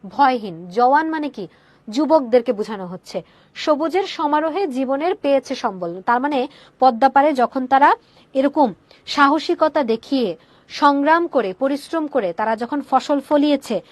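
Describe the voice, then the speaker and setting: Young woman teacher, online class, high voice, dry close sound, keeps asking then answering herself. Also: expressive, normal speed, dry recording. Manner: asks questions and answers them herself; mixes English words into her explanation. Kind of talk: online class explaining a poem.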